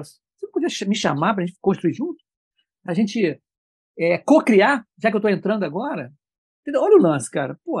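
A man tells work stories in an animated, slangy way, and his pitch jumps around a lot. His voice is gravelly and husky, recorded close and dry. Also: dry recording. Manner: lively, colloquial, animated storytelling. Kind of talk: casual conversation.

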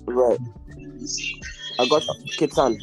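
A man's voice: medium pitch, takes it slowly, over music. A man hosting a podcast quiz over a phone call, reading riddles with lots of hesitant fillers and teasing bickering. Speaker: podcast host, quizmaster. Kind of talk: casual group chat, reading riddles.

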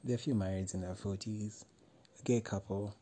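A man reading a first-person story aloud in a measured, wry way. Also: fairly low pitch, steady tone, warm tone, a little hiss or hum. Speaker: narrator.

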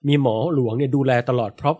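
A man's voice: mid-range voice, quick pace, mellow, slightly rough. A man telling a folk tale on a casual podcast, acting out screams and sound effects as he goes. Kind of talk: casual storytelling.

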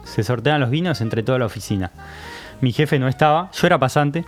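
A young man with a Rioplatense accent, a podcast guest telling an animated story in casual chat and acting out the people he quotes. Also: mid-range voice, a little fast, soft background music. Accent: Rioplatense Spanish.

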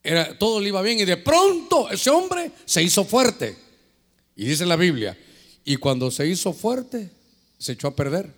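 A man preaching as pastor, animated and preachy, acting out prayers and dialogues as he answers questions. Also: high-pitched, unhurried, long reverb tail. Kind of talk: lively sermon with questions from listeners.

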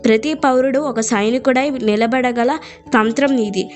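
A woman's voice: on the high side, steady tone, unhurried, soft background music, natural voice. A woman reading the lines of a clever young woman who explains her case to a king in a story. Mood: persuasive.

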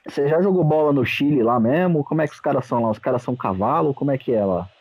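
A man's voice: medium pitch, fast talker, a little mellow, dull audio, slight background noise. A man, a podcast co-host, who throws in joking banter. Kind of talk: casual podcast chat.

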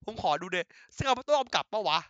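An excitable man retells an anime episode in loose, casual chat, swearing and laughing as he goes. His voice is bright and bouncy, sitting a little high. It comes through a dry, slightly dull home microphone. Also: fast talker, clear, resonant tone, no echo. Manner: excitable, laughing, crude slang, many restarts. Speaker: anime recap host.

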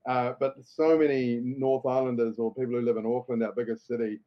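A man's voice: mid-range voice, little pitch movement, fairly quick, lo-fi sound. A man with a New Zealand accent, a guest comedian chatting casually on a podcast with frequent restarts.

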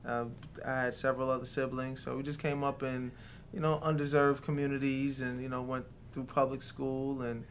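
A man's voice: mid-range voice, little pitch movement, moderate pace, slight background noise. A man from Jamaica, raised in New York City, a restaurant co-founder talking as a guest in a reflective, filler-heavy way. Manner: reflective, lots of "you know". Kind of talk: casual interview chat.

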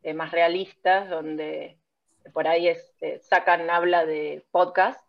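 A woman's voice: lowish voice, little pitch movement, slow pace, gravelly. A woman with a Rioplatense accent, a speech technology researcher, explaining her field step by step in an interview. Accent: Rioplatense Spanish. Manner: patient, explains step by step with examples. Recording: dull lo-fi sound.

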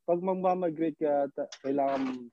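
A man's voice: a little high, measured pace, mellow. Young man on a tinny phone line. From Philippines. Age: 20s. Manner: short, plain answers. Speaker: guest calling in. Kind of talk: casual chat.

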